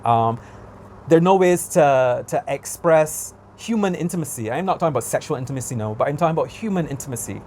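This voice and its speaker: A man's voice: fairly high pitch, expressive, quick pace, darkish tone, slight background noise. Exasperated Barbadian man ranting. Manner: exasperated, emphatic, repeats himself. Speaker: vlogger. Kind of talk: casual rant.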